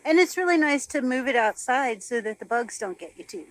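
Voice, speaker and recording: A woman co-hosting a casual chat about RV life, upbeat and quick to laugh. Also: sits high, expressive. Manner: chatty and upbeat, laughs often. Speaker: co-host of an RV living channel.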